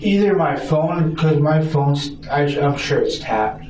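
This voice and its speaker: A suspect in a police interview room answers questions in a rambling, agitated, defensive way, repeating himself and stammering into restarts. His voice is a little high and mellow, slow-ish, with lively intonation, picked up by a distant microphone that makes the recording echoey, muffled, and noisy.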